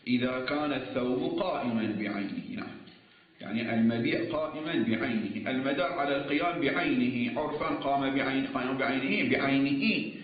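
A man's voice: mid-range voice, fairly quick. Man lecturing in a chanting cadence. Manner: chanting, sing-song cadence, rhetorical questions. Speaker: religious law teacher. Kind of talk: classroom lecture on jurisprudence. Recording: tinny, echoey, distant lo-fi lecture recording.

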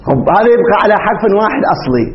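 A man's voice: high-pitched, big pitch swings, rapid-fire, crowd noise. A man teaching a grammar class, explaining step by step and quizzing his students. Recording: dull muffled lesson recording, faint hiss.

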